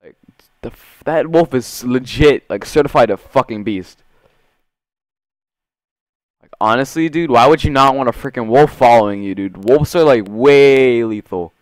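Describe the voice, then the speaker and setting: A young man doing casual, profane video game commentary in slangy gamer bro talk, swinging between muttering and excitement. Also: mid-range voice, a little slow, no echo. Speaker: gaming video creator.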